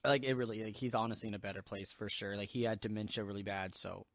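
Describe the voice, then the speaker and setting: A man's voice: lowish voice, steady tone, fast talker, fairly bright tone, no room sound, clean studio sound. A young man hosting a podcast, talking casually in a rambling way with lots of swearing and fillers. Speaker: podcast host. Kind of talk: casual chat.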